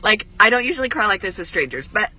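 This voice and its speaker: A woman's voice: big pitch swings, fast talker, sharp tone. A woman fitness coach on a live stream, tearful and crying as she talks to her followers, rambling earnestly with lots of swearing and "like" fillers. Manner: voice rises high when emotional.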